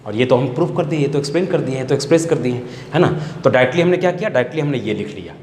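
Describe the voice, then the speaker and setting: A man's voice: mid-range voice, expressive, rapid-fire, a little mellow. Male math teacher, Bihari accent, repetitive question-and-answer lecture style, faint hiss in an echoey hall. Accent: Bihari Hindi. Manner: repetitive, asks the class questions and answers them. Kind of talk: classroom lecture.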